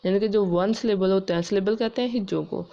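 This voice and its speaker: A woman English teacher explaining grammar rules step by step, spelling words out letter by letter and reading English rules slowly and carefully. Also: mid-range voice, creaky, mellow, highs cut off. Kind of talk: classroom-style grammar lesson.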